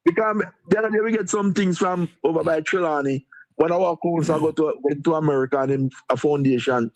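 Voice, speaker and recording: A Jamaican-accented deputy mayor gives a live-stream interview, chuckling as he talks in a rambling, repetitive way. He speaks fairly quickly in a fairly high-pitched voice.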